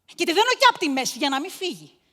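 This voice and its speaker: A cruel house mistress, stage monologue, high wildly swinging voice, reverberant theatre hall. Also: female voice, big pitch swings. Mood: cold. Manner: cold and contemptuous, erupts into shouting.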